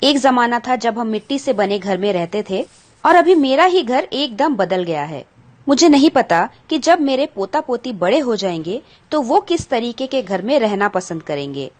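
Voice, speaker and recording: A woman's voice: fairly high pitch, sing-song, moderate pace. A woman teacher patiently explaining a school textbook chapter to children, glossing English words and asking the pupils questions.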